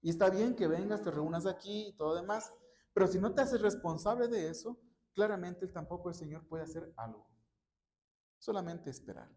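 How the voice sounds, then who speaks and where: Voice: medium pitch, lively intonation, normal speed, a little mellow. A preacher giving a conversational sermon in a church, teaching with many rhetorical check-in questions and personal anecdotes. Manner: recounts personal workshop anecdotes.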